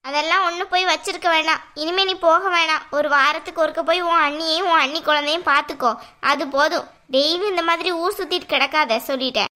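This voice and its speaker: A woman plays a stern cartoon mother-in-law with a high voice. She lectures and scolds at length in a firm tone. Under the strictness she quietly cares for her daughter-in-law. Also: fairly even intonation, fast talker. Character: stern middle-aged mother-in-law, secretly caring. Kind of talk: cartoon voice acting.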